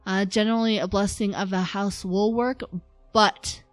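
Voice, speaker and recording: A woman hosts a podcast and walks through a story in a relaxed, conversational way. Her voice sits mid-range and sounds dry and close to the microphone. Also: mid-range voice, moderate pace, dry recording, faint music behind. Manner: narrates from notes, chatty with laughs. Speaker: podcast host.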